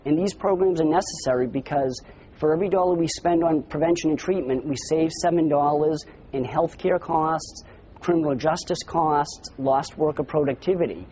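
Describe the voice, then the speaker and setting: A man speaking on a broadcast debate panel, measured and steady as he cites numbers. His tone is mellow and warm. The sound is dull and lo-fi, with faint background hiss. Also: a little high. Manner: measured, citing figures. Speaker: advocate for an anti-repeal committee. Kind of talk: televised debate.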